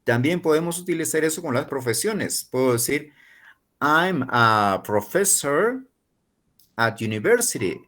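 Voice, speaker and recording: Speaking in Spanish, a man in his forties who teaches at a university in Peru runs an online English lesson, saying model phrases slowly and more than once. His pitch is fairly high, his delivery sing-song, and his tone fairly bright.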